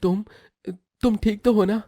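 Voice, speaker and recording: A man's voice: high voice, steady tone, unhurried, mellow, no echo, studio quality. A man voicing an earnest young hero. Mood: protective. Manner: firm and earnest. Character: brave young man in his twenties.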